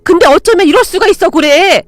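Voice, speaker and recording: A woman's voice: a little high, normal speed, no echo, natural voice. A woman voicing a stern but loving older mother-in-law, firm with intruders and tender with her daughter-in-law.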